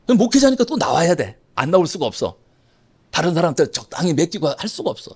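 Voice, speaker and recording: A man's voice: fairly high pitch, very animated, fast, breathy edge. A middle-aged man preaching a Sunday sermon as a pastor, emphatic and repeating key phrases as he speaks to the congregation.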